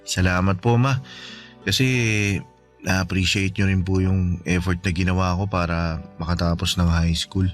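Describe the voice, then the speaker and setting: A man's voice: low-pitched, steady tone, normal speed, pauses often, soft background music, natural voice. An actor playing a polite, slightly shy teenage son who speaks respectfully to his mother in a radio drama. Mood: earnest. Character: polite teenage son who just graduated high school.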